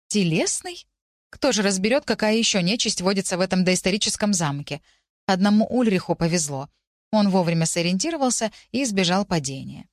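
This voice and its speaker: A woman giving a steady, expressive first-person narration of a fantasy audiobook. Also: mid-range voice, no echo, studio quality.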